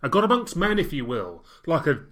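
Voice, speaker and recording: A man's voice: fairly high pitch, huge pitch swings, fairly quick, fairly bright tone. A man from the UK co-hosting a casual history podcast, joking and playing up grand ideas. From United Kingdom. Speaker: podcast co-host.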